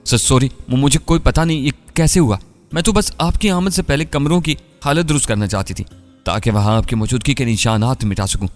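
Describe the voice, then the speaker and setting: A man's voice: medium pitch, a little fast, big-room sound, faint music behind, pitched above the performer's own voice, lightly acted. A man reading an audiobook voices a frightened, apologetic young woman doctor who stammers. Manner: stammering, flustered.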